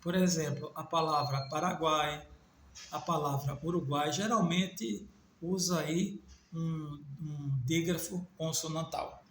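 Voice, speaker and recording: A Northeastern Brazilian man with a matching accent runs a Portuguese grammar video lesson, spelling letters slowly and correcting himself slightly now and then. His voice is on the high side and his tone steady. The sound is roomy, with a little hiss or hum.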